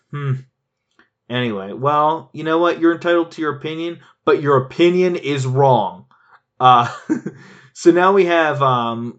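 A man chatting casually as a board game reviewer, animated and laughing, rambling with frequent restarts. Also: medium pitch, highs cut off. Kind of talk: casual chat.

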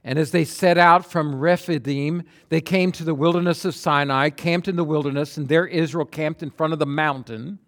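Fervent preacher man, loud to hushed. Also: a little high, steady tone, normal speed, hardly any pauses. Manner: emphatic, repeats phrases for effect. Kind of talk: sermon with scripture reading.

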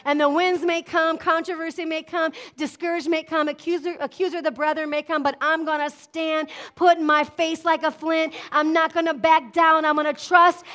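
A woman's voice: very high voice, flat delivery, fairly quick, few pauses, fairly bright tone. A middle-aged woman pastor preaching a sermon, emphatic and conversational, often asking her congregation "amen?". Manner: emphatic, call-and-response preaching with frequent "amen?".

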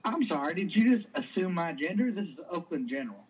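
A man's voice: a little high, big pitch swings, fast talker, darkish tone, rough recording. A man putting on a goofy hospital phone operator with a Southern US drawl, rambling nonsense in a prank call. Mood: deadpan.

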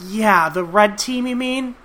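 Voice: medium pitch, a little slow, pushed and bright, a little hiss or hum, voice pushed up. A reader voicing a timid young male troll who talks hesitantly and stammers politely.

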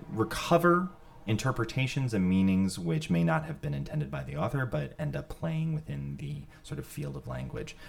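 Young male podcast co-host, heavy vocal fry, hesitant and rambling. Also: medium pitch, darkish tone. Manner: rambling, hesitant with many fillers. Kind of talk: casual chat.

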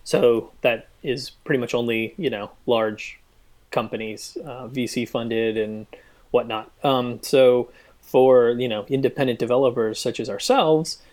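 A man chatting on a podcast as a guest, halting and full of ums and uhs, with a dry sense of humor, recorded in a cabin. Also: medium pitch, fairly even intonation, darkish tone. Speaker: guest app developer. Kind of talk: casual podcast chat.

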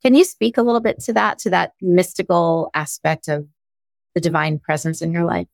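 A woman's voice: on the low side, fairly even intonation, normal speed, vocal fry, dry recording. A woman hosting an interview, reflective, musing aloud and checking in with "right?" as she talks. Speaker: host. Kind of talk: interview conversation.

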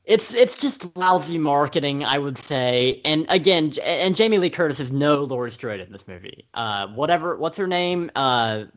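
A man's voice: a little high, expressive, moderate pace, hardly any pauses. Rambling man on a film podcast. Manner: rambling, many fillers and restarts. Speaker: podcast co-host. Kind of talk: casual film-review chat.

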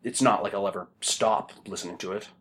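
A man in his thirties hosting a podcast, reading a wry, essay-like monologue in a measured way. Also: fairly low pitch, steady tone, slight background noise. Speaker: podcast host. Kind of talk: podcast talk with a written monologue.

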